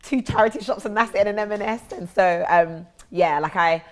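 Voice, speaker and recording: A woman's voice: mid-range voice, normal speed. A woman with a South London accent telling her own story as an interview guest, acting out remembered exchanges. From South London, England.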